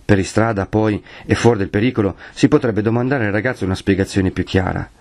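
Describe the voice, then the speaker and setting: A man from Italy reading a classic novel aloud as an expressive audiobook narrator. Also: fairly low pitch, fairly quick. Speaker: audiobook reader.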